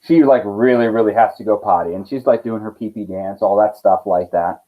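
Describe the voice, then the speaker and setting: A man's voice: on the low side, brisk. A male teacher telling a story to his students in a playful, casual way with silly asides. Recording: tinny phone-like sound.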